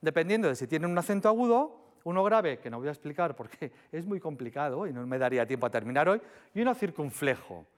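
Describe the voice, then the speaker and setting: A man giving a public lecture on Greek philology in a chatty, animated way, talking straight to the audience. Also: a little high, quick pace. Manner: animated, chatty, sings short demo syllables.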